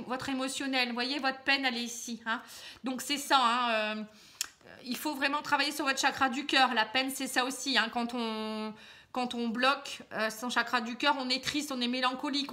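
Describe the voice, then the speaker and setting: Bright high-voiced woman reading cards. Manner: chatty, many filler words and tags; gently advising, addresses viewer directly. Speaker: card reader. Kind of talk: casual tarot reading to camera.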